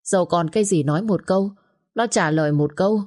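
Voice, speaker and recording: A woman voicing a domineering older mother-in-law who scolds and hurls insults in quick bursts. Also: mid-range voice, animated, darkish tone, close to an everyday voice. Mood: bitter, complaining.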